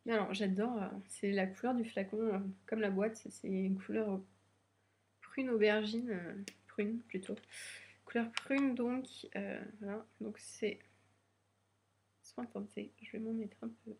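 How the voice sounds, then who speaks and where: Her voice is medium-pitched, steady, unhurried and a little mellow as this young beauty vlogger unboxes beauty products in a casual chat. A cold gives her a slightly stuffy nose, and nerves about her first video make her hesitant and heavy on fillers.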